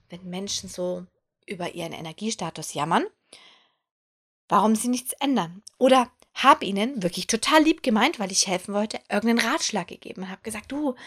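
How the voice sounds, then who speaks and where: Expressive German woman podcasting solo. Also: a little high. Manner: chatty and expressive, acts out her own thoughts in quoted asides. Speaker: podcast host; photographer and coach. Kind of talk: casual solo podcast monologue.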